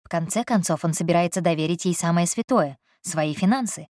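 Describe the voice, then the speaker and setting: A woman's voice: lowish voice, fairly quick, darkish tone, no room sound. Woman reading a novel aloud, dry close sound. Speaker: audiobook narrator. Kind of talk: scripted narration.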